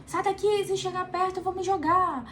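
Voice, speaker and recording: A man's voice: very high voice, steady tone, normal speed, a little hiss or hum, voice pushed up. A woman voicing a desperate, hostile man who threatens to jump and tells everyone to stay away. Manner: shouting, defensive, pushing people away.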